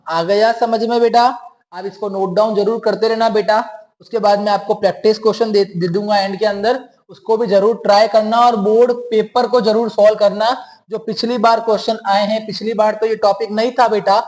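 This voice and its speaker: A man teaching a class, patiently explaining rules and often checking that students follow. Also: high-pitched. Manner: patient, keeps calling students "beta" and asking questions. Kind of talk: classroom lesson.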